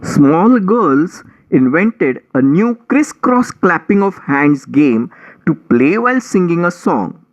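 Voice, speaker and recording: Slow, highly animated male storyteller. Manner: pompous, wordy, relishing alliteration and lists. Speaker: audiobook storyteller. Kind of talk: theatrical scripted story narration. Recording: dull lo-fi recording.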